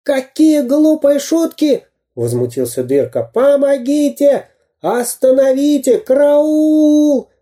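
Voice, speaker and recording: A man voicing a sneaky male spy villain in a storybook reading, shrill, screeching and taunting, drawing his words out. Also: expressive, slow, warm tone. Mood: shrieking.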